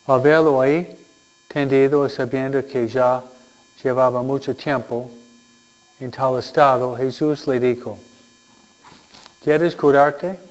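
A man speaking as a priest in solemn church delivery, reading scripture and preaching with deliberate phrasing and frequent pauses. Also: mid-range voice, darkish tone, dull audio. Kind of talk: solemn Gospel reading and homily.

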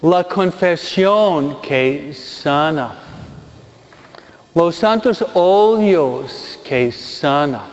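A high-pitched man in his sixties from Michigan, United States, preaches slowly with lively intonation. He delivers a sermon with a personal anecdote, speaking deliberately and repeating phrases for emphasis, and the sound is dull in a long-reverberant hall.

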